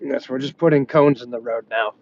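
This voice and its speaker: A man chatting casually and wryly on a livestream as he drives, in an unhurried, folksy way. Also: mid-range voice, creaky, slight background noise. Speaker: storm-chasing livestreamer. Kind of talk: casual live chat while driving. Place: inside a moving car. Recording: dull lo-fi audio inside a vehicle.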